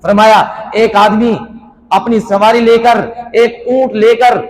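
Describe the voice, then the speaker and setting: High-voiced preacher. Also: male voice, level tone, rough recording. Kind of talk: sermon. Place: mosque gathering.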